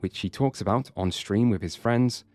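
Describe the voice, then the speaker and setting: Low-voiced man narrating a video essay. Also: moderate pace, a little mellow, dry recording. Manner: dry, sardonic. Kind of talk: scripted narration.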